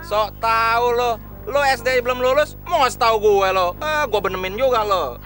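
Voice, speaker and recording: An actor playing a big, loudmouthed neighbourhood thug with a Jakarta accent, taunting and coarse in a comedic TV soap. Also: male voice, very high voice, moderate pace. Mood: jeering. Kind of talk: broad comedic TV soap acting.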